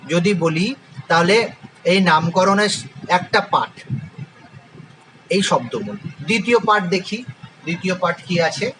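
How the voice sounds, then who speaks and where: High-voiced man teaching chemistry. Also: a bit bright, slight background noise, low-quality recording. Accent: Bengali. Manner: spells out terms letter by letter, asks and answers own questions. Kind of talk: classroom lecture.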